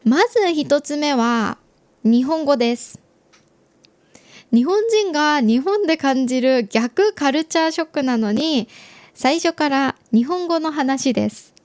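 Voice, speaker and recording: A young adult Japanese woman hosting an easy-Japanese learning podcast, explaining gently and chatting with listeners. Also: sits high, lively intonation, unhurried, dry recording. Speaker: podcast host teaching Japanese.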